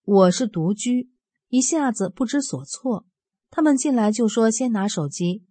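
A woman in her fifties reading aloud a personal account in an earnest, steady storytelling way. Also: fairly high pitch, unhurried, breathy edge, no room sound. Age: 50s. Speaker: religious practitioner sharing a testimony.

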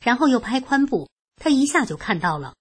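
A woman reading a first-person testimony aloud in a steady, matter-of-fact storytelling manner. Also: on the high side, a little fast, slightly rough. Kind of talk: read first-person narration.

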